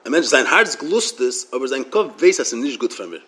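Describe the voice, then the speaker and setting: Fast, halting man. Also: medium pitch, very animated, pushed and bright, slight background noise. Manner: halting, repeats words and restarts. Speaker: religious teacher. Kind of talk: Torah lecture.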